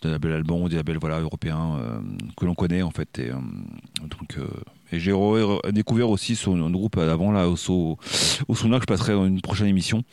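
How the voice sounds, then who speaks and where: A man's voice: low-pitched, a little fast, dark tone, dry recording. A man co-hosting a music radio show, talking casually and hesitantly, with many fillers and restarts. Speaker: radio co-host.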